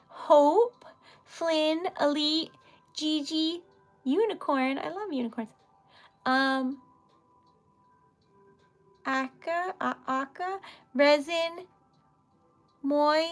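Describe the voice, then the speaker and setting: A woman's voice: sits high, fairly bright tone. A woman with a Rhode Island accent chatting casually and animatedly as she hosts a livestream, rambling and giggly. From Rhode Island, United States. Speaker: livestream host, independent artist.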